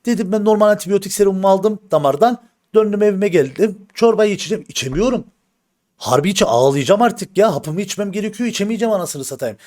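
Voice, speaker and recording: A man's voice: high-pitched, lively intonation, quick pace, a little mellow. Heated streamer man venting to viewers. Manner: heated, venting, blunt with slang and swearing; addresses the audience directly, repeats himself for emphasis. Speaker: live streamer. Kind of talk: casual stream talk to viewers.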